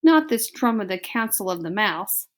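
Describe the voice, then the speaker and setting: A woman's voice: medium pitch, big pitch swings, moderate pace, lightly acted. A woman voicing a vain, dramatic mother mouse with a French accent and broken English. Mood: haughty. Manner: theatrical, haughty, broken English phrasing.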